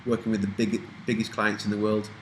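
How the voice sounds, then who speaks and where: Young UK man in his twenties, slightly low pitch, loose rambling vlog talk with cursing, light background hiss. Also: flat delivery, a little fast, poor audio. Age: 20s. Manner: rambling, swears freely, trails off and restarts. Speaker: vlogger answering viewer questions. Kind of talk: casual Q&A chat.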